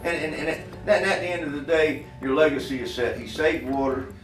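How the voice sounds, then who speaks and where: A brisk, somewhat high-voiced Florida man, by trade an inventor and farm irrigation worker, gives an earnest interview in a folksy, plain-spoken and emphatic way. The audio comes from a distant mic in a roomy space, and faint music sits underneath.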